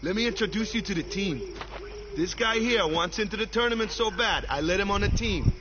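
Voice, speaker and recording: An actor playing a hearty, rousing island sports team captain in a video game cutscene. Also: male voice, high voice, brisk, lightly acted. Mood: easygoing. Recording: dull game audio with crowd behind.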